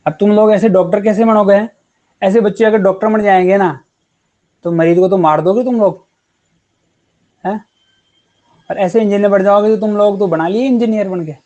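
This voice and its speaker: A man's voice: sits high, steady tone, normal speed, pauses often, dark tone, lo-fi sound. A man teaching chemistry in a casual online class, chatty and encouraging with his students. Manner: chatty and encouraging, calls students beta and yaar.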